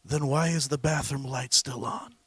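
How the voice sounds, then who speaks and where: A man's voice: mid-range voice, fairly even intonation, normal speed, no echo. A man doing a frail dying old patriarch. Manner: weak, hushed, breathy voice.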